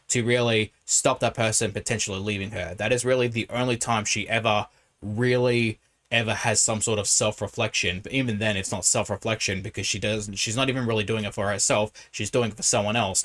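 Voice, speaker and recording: Low-voiced man giving critical commentary. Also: fairly bright tone. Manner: critical, explanatory. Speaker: reaction video host. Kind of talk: casual commentary.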